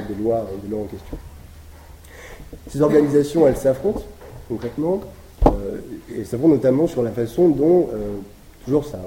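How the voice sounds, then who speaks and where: A man giving an academic talk, explaining step by step and pausing often to find his words. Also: mid-range voice, mellow. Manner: explanatory, thinks aloud with frequent pauses. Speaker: lecturer presenting historical research. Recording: echoey room with background noise.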